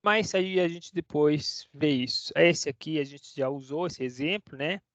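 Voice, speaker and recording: Unhurried and fairly high-pitched, this Portuguese-native Spanish teacher keeps his online lesson casual and chatty, checking in with students every few words. The recording sounds dry, dull and lo-fi.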